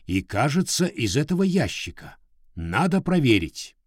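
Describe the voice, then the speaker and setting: Man doing a calm kind old-school professor, reassuring, lively tone, dry close sound. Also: mid-range voice, no echo, voice pushed up. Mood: concerned. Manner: reassuring, measured. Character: kindly calm middle-aged male professor.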